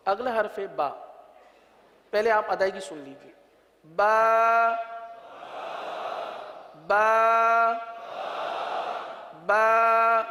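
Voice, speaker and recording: High-voiced Pakistani man teaching letter sounds. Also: a bit bright, a little hiss or hum. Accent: Pakistani Urdu. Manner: patient, repeats sounds drawn out for students. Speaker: Quran reading teacher. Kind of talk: religious letter-pronunciation lesson. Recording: long reverb.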